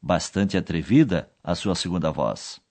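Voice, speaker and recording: A man's voice: sits low, unhurried, a little mellow. A man narrating a language course in scripted style, explaining each scene and repeating the key foreign words.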